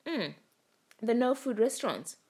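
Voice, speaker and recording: Her voice is slightly high and darkish with a breathy edge, swinging widely in pitch at a measured pace. A young co-host who isn't a native English speaker, she chats tipsily on a casual podcast, rambling, swearing and laughing often. She's recording at home, lying down.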